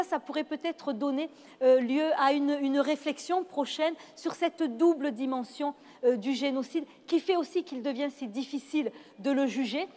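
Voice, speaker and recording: Woman moderator, high voice, measured and reflective delivery. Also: a little mellow. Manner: measured, reflective, with hesitant restarts. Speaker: panel moderator. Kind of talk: moderating a panel discussion. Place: event hall. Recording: long reverb of a hall.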